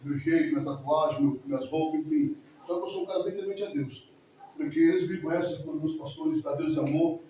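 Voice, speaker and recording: Man in his 40s, church testimony, rapid talk, high voice, emotional and rambling, heard from far off in a very echoey hall. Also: lively intonation, dark tone, slight background noise. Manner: emotional, rambling, repeats himself. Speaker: church member giving testimony.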